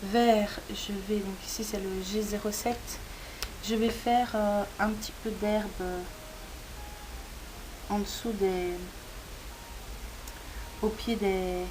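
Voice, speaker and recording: A woman hosting a crafting tutorial, explaining each step as she works, often pausing with hesitant fillers. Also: medium pitch. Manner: hesitant, frequent "euh" fillers while working. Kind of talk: step-by-step demonstration. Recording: steady tape-like hiss.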